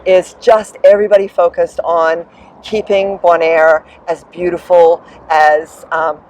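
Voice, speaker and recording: A woman's voice: on the low side, flat delivery, a little slow, low-quality recording. A middle-aged woman from New Zealand, answering interview questions with upbeat, enthusiastic energy about her business. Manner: enthusiastic, upbeat, warm promotional tone. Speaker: land sailing business coordinator, guest.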